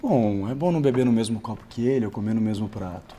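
An actor playing a calm, reassuring young doctor in a telenovela, speaking with a Brazilian accent and a patient, explanatory manner. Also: male voice, fairly low pitch, fast, slight background noise, close to an everyday voice. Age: young adult. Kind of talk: telenovela acting. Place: indoor television drama sets.

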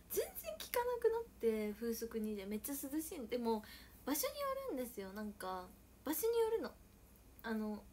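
A young woman chatting casually on a livestream, playful and mock-dramatic, sometimes dropping to soft murmurs. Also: a little high, a little hiss or hum. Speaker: idol livestreamer. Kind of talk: casual livestream chat with viewers.

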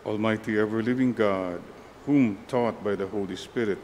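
A man serving as priest, leading the Mass in a measured, solemn prayer cadence at a pulpit microphone. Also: fairly low pitch, a little mellow, dull audio, slight background noise. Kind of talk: leading liturgical prayer and exhortation.

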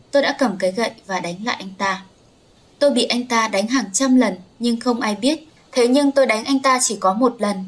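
A woman storyteller narrating a sorrowful first-person story in a confessional way. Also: a little high.

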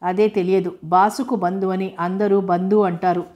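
A woman's voice: mid-range voice, level tone, normal speed, lo-fi sound, close to an everyday voice. A woman reading the part of an ashamed, troubled young woman in an audiobook, in an earnest, pleading voice. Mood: subdued.

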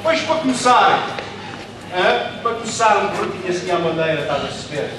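A man's voice: high-pitched, animated, a little fast. An actor playing a boastful, greedy man in a live stage comedy sketch, rambling on. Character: boastful greedy middle-aged man, chatty glutton. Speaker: comic actor. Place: large community hall stage. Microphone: stand mic on stage, recorded by far camera. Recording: echoey hall, far mic, noisy.

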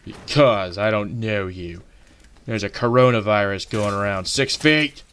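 A man hosting a gaming channel, talking over his playthrough with a lower voice. He is sarcastic and profane, mocking the characters and enemies as he goes. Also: unhurried, a bit bright, slight background noise. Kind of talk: let's play commentary.

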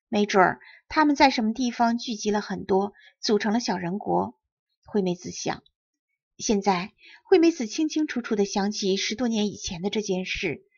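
A woman storyteller reading a fairy-tale audiobook in a clear, measured way, with a husky voice. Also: mid-range voice, muffled recording.

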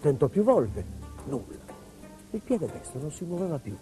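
A man tells a folk tale in a lively, theatrical way. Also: fairly high pitch, moderate pace, faint music behind. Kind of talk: storytelling narration.

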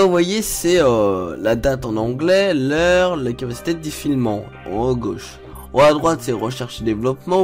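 A young man casually commenting on a retro PC strategy game as he plays, explaining menus as he goes. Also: medium pitch. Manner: chatty, explains menus as he clicks, frequent fillers. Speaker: gaming video host. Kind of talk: casual let's play commentary.

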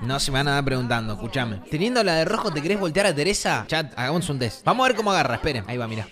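Lively Argentine man teasing over game music. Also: a little high, racing. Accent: Argentine Rioplatense Spanish. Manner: playful and teasing, with animated swings in tone. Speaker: streamer. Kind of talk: casual live-stream game commentary. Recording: game music playing behind the voice.

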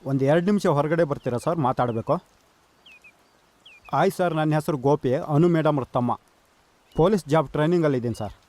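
A man's voice: a little high, fast talker, long pauses, darkish tone, no echo, natural voice. A man acting a polite, inquisitive young police trainee asking about a student. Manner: polite, persistent.

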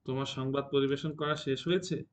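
A man reading the part of a proud young woman who answers with sharp, scornful retorts. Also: mid-range voice, steady tone, brisk, a little hiss or hum, natural voice. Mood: indignant.

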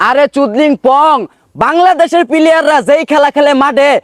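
A man's voice: extremely high pitch, steady tone, normal speed, a little hiss or hum. A man playing a bombastic parody news anchor, reading rhyming satire theatrically with a rural Bangladeshi accent. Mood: mock-solemn. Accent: Bangladeshi rural colloquial. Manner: mock-solemn, rhyming, theatrical announcing. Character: bombastic male parody news anchor of a village comedy channel.

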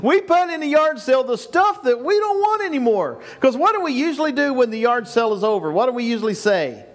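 In a small church, an older pastor gives a sermon in a voice that sits high for a man, pressing his points with rising emphatic bursts and repeated phrases. The sound comes from a far camera at the back of the sanctuary, with no mic seen.

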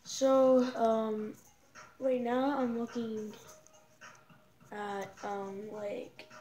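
A woman's voice: fairly high pitch, flat delivery, extremely slow, warm tone. A woman giving casual let's-play commentary, rambling with lots of fillers in an easygoing way. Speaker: gamer.

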